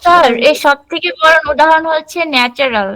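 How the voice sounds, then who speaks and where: Woman student, high bright voice, fast, jumps in with questions. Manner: interrupts the teacher with questions.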